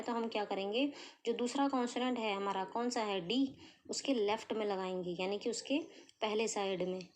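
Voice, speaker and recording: महिला शिक्षिका, धीरे-धीरे अक्षर बोलकर समझाती हुई. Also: female voice, a little high. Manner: explains patiently, asks and answers her own questions, sounds out letters slowly. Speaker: shorthand teacher. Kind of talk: step-by-step tutorial.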